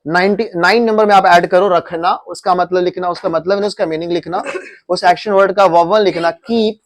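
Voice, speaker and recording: A man's voice: high-pitched, steady tone, a little fast. Indian man drilling grammar in class. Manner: repeats words for students, drills pronunciation. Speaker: English grammar tutor. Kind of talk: classroom teaching. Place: coaching classroom.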